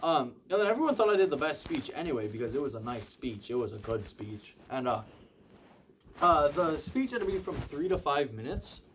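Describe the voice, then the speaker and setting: A man's voice: on the high side, big pitch swings, slight background noise. Rambling young man telling comic stories. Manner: loose, halting delivery with many ums and likes, acting out quoted voices. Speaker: stand-up comedian.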